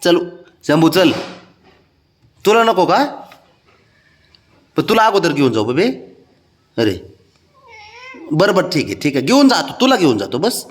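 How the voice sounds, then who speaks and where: A man's voice: on the high side, sing-song, measured pace, pauses often. A man teasing and coaxing his cats at home in a playful, sing-song baby-talk voice. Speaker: pet owner talking to his cats.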